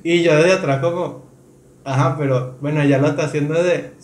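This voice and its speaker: A man's voice: on the high side, steady tone, normal speed. A man co-hosting a podcast, telling stories in casual group chat with frequent laughter. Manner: rambling, storytelling, laughs often. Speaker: podcast co-host. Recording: echoey room.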